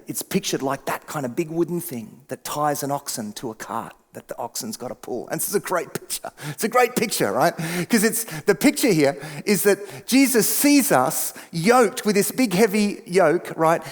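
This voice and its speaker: Male pastor, sermon, conversational preaching, hushed to emphatic, fairly high voice, long church reverb. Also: animated, moderate pace, hardly any pauses. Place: church sanctuary.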